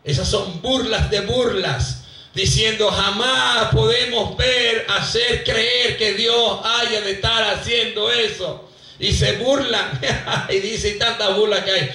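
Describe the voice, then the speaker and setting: A man from Venezuela preaching a fervent church sermon, his voice sitting high and bright. He keeps repeating phrases and calls on the congregation to respond. The sound is heard from far off in an echoey hall. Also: slow pace. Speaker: pastor.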